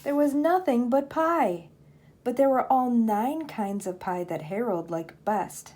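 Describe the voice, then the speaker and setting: Her voice is a little high as she reads a picture book to children. She is an older woman, a grandmother, with an expressive, measured storytelling style.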